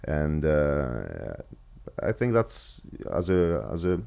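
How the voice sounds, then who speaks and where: A man with an Albanian accent, a former footballer from Kosovo, talking as a guest in a casual interview, halting with many fillers and restarts. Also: extremely low pitch, huge pitch swings, vocal fry, mellow.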